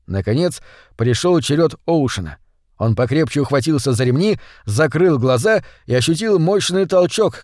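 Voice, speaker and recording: A man reading a science fiction story aloud as audiobook narrator in a measured, even way. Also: mid-range voice, no echo, studio quality. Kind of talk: scripted narration.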